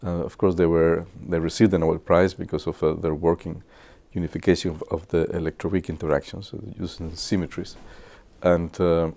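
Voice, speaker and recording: A very low, gravelly man reminisces to students. His voice is dark and mellow. He speaks in a halting way and pauses often on "uh". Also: little pitch movement. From Guatemala. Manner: halting, with many filler pauses. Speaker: physicist.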